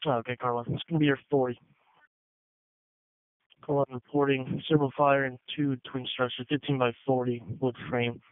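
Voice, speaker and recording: Over a tinny, phone-like dispatch radio, a man working as an emergency dispatcher delivers clipped procedural read-backs in police radio style. His voice is mid-range with a level tone and moderate pace, and the recording is dry.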